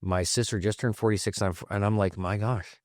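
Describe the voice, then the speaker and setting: A man in his forties with a Central Pennsylvania accent, an earnest podcast host talking openly in quick bursts. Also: fairly low pitch, steady tone, no echo, clean studio sound. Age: 40s. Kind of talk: conversational interview.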